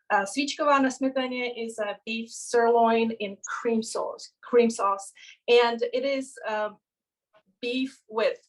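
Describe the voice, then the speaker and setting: A middle-aged woman from the Czech Republic giving a cooking demonstration in her home kitchen on a phone camera, explaining in a relaxed way while she works. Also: on the high side, low-quality recording. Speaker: cooking instructor.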